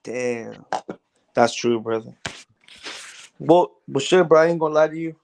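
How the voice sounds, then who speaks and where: A man's voice: medium pitch, unhurried, creaky, a little mellow. A man chatting casually as a panel guest, with agreeable, slangy frat-bro talk full of swearing. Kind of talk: casual chat.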